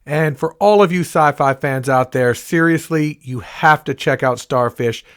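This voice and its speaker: A man hosts a podcast, thanking his guest and then reading earnest announcements. His voice sits a little high, and he sounds sincere. The recording is dry and close. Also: a little slow, no echo. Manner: earnest, pleading when giving the hotline. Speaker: podcast host. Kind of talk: interview and scripted announcements.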